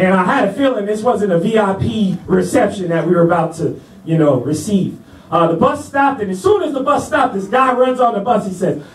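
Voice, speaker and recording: A man with a very high voice tells a stand-up story in a laid-back, chatty way, often checking in with the crowd. He sounds far from the mic in a roomy club. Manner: laid-back, chatty, asks the crowd "you know what I'm saying". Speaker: stand-up comedian. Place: comedy club stage.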